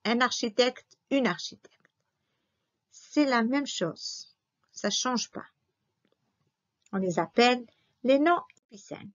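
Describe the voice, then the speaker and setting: A woman's voice: a little high, animated, takes it slowly, pauses often. A woman teaching a grammar review lesson, patiently repeating and spelling out each example. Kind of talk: slow classroom grammar review. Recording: dull lo-fi recording.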